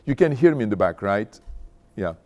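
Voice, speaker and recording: A very animated man from Istanbul with a low voice and darkish tone gives an informal autobiographical talk as a guest speaker and company founder. His delivery is conversational and halting, with "you know" repeated often, and the highs in the audio are cut off.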